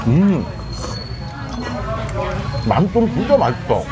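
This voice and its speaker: A man's voice: sits high, racing. A man in a casual food vlog, talking with his mouth full of food as he eats. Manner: animated food tasting. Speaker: announcer vlogging a food trip. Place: restaurant.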